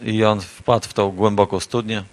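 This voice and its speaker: Guy preaching in a church, tells a story, jokes with the crowd, repeats stuff and gets loud on the refrains. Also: lowish voice, level tone, moderate pace. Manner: storytelling, repetitive, rising to shouted refrains; playful, joking with the congregation. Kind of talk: sermon with a parable.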